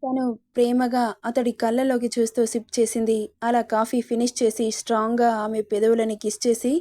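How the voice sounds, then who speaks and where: A woman storyteller reading a romance story in calm, even storybook narration. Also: on the high side.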